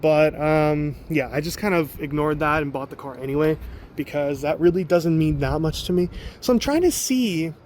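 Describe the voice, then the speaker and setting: A man's voice: fairly high pitch, darkish tone, a little hiss or hum. A man casually showing viewers his car outdoors, rambling with lots of fillers and a little out of breath. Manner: rambling, loose, many fillers. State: a bit out of breath. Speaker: car vlogger.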